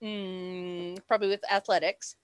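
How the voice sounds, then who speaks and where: A woman's voice: fairly low pitch, flat delivery, unhurried, clear, resonant tone, dry recording. A woman game master narrating a tabletop game over a headset on a video call.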